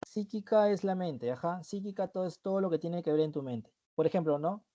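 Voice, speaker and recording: A man's voice: sits high, a little fast, mellow, dull audio. A man teaching an online review class, explaining terms step by step and often checking in with the students.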